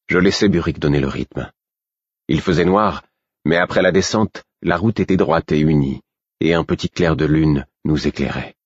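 A man reading a novel aloud in steady first-person narration. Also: extremely low pitch, no room sound, highs cut off. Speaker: audiobook narrator.

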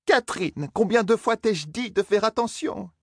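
A man's voice: a little high, lively intonation, normal speed, no room sound, voice pushed up. A fussy, clucking innkeeper woman, voiced by a male audiobook reader, scolding her staff in a bustling flurry. The voice is pushed well above his own, and the recording is close and dry. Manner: scolding, clucking like a flustered mother hen. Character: fussy bustling middle-aged female innkeeper. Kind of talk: audiobook character voice.

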